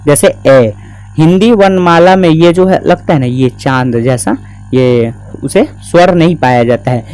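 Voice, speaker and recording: A man teaches a grammar lesson in a casual, conversational way, often posing a question and then answering it himself. His voice sits a little high but sounds mellow and soft-edged. Faint music plays underneath. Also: unhurried, smooth, rough recording. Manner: explains step by step, asks and answers his own questions; casual, repeats "theek hai" and "na" as checks. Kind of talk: exam-prep grammar lesson.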